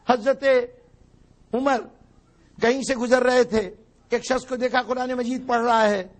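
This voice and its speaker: A man with a strikingly high voice delivers a religious lecture to a gathering. He explains step by step and drives his points home with sharp rhetorical questions. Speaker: religious orator at a mourning gathering. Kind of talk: sermon-style lecture.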